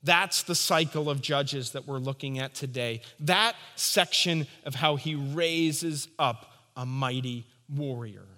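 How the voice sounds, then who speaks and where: A man's voice: medium pitch, slow pace, few pauses, sharp tone, in a large hall. A man preaching a sermon, emphatic and rising and falling for stress. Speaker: pastor.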